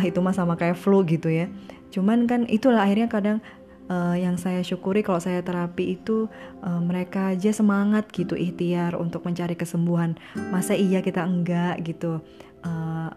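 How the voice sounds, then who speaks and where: A woman's voice: medium pitch, dark tone. A woman talking casually to her followers about her recovery routine, acting out little quoted exchanges as she goes. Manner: chatty, acts out small quoted exchanges. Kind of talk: casual personal talk to followers.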